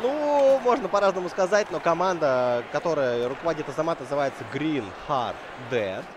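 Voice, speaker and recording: A man's voice: fairly high pitch, lively intonation, a little fast, lo-fi sound. Man commentating over a noisy crowd. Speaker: esports hockey commentator. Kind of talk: live match commentary with conversational analysis. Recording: noisy venue with crowd behind the voice. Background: crowd and venue noise.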